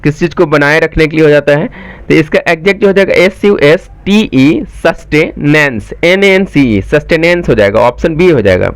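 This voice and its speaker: A man with a Bihari Hindi accent teaches a spelling lesson for competitive exams, with a voice pitched a little high. He drags each word out letter by letter, then rattles through the meaning. The recording is dry and close, with no room sound. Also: lively intonation, no room sound. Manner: spells words slowly letter by letter, then explains quickly; asks the viewers questions and answers them himself. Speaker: exam coaching teacher.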